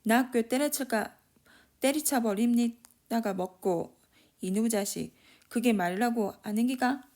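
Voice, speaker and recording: A man's voice: very high voice, measured pace, darkish tone. A woman voicing a drunken, boastful one-armed father who rambles and scolds in Gyeongsang dialect. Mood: drunk scolding.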